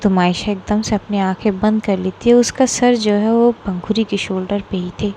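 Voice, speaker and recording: A woman's voice: mid-range voice, steady tone, normal speed, dark tone, a little hiss or hum. A woman from Bangladesh with a Bengali accent, narrating a serialized romance story in a casual, filler-heavy way.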